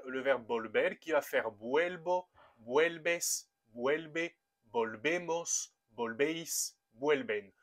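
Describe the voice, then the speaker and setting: A man's voice: on the high side, a bit bright. Upbeat man teaching grammar step by step. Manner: upbeat, methodical, spells out each conjugation slowly. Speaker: language teacher. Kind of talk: explaining grammar to a camera.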